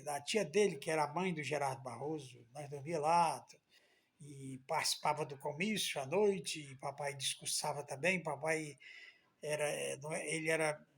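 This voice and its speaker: Husky-voiced man telling a story. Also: fairly high pitch. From Brazil, from Amontada in Ceará. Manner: emotional, repetitive, heartfelt recounting. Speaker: storyteller, channel host. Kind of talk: personal storytelling.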